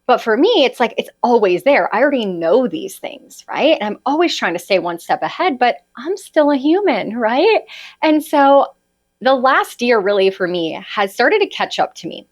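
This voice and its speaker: A woman's voice: on the high side, big pitch swings, moderate pace. A woman in her late thirties hosting a solo podcast, talking in a chatty, confiding way and tossing in frequent "right?" asides to her listeners. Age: 30s. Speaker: podcast host and holistic health coach.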